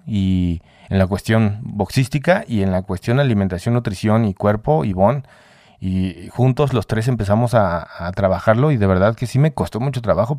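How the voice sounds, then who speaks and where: A man in his forties, an actor, telling lively anecdotes in a casual interview. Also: dry recording, clean studio sound. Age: 40s. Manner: animated anecdotes, mimics others with a higher voice. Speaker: actor guest.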